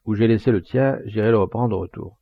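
A man voicing a jovial, hearty, fatherly middle-aged poacher who lectures in a booming, sententious way. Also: fast talker, dry recording, phone-quality sound.

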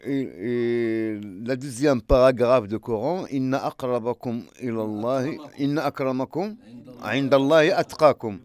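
Earnest hesitant man explaining slowly. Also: medium pitch, a little mellow. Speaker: street interview participant, translator. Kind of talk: casual street discussion. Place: outdoors in a street.

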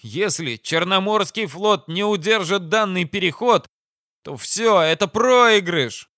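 A man's voice: high-pitched, animated, takes it slowly, no room sound, clean studio sound, pitched above the performer's own voice, exaggerated voice. Man voicing a furious hot-headed commander. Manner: agitated, forceful outbursts.

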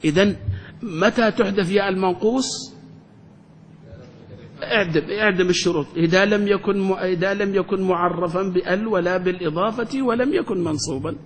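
Sheikh guy teaching grammar, quizzing the class over and over, echoey hall, bit of rumble. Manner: quizzes the class with repeated questions, drawn-out example phrases. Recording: reverberant hall with faint rumble.

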